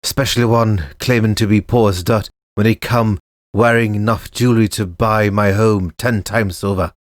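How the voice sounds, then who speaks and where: A man voicing a gruff, skeptical townsman shopkeeper who talks bluntly and mockingly in rustic speech. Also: on the low side, steady tone, moderate pace, no echo, clean studio sound, lightly acted.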